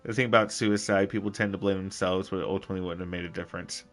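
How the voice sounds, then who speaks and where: A young man playing a game on stream, reading the dialogue aloud and chatting with viewers in a loud, rambling, jokey way. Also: sits low, steady tone, rapid-fire. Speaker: let's play streamer. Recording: game music underneath.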